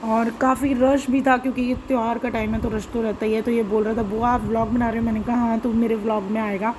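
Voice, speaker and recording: A woman vlogger with a hoarse, sore throat, chattily narrating her home footage and often correcting herself as she rambles. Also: on the high side, flat delivery, quick pace, noisy background.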